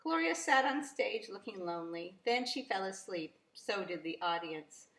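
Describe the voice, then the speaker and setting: Animated woman reading aloud, roomy echo. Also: medium pitch. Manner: expressive, drawn-out emphasis, acts out quotes. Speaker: preschool teacher reading aloud. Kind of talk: animated picture-book read-aloud for young children. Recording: roomy, echoing sound.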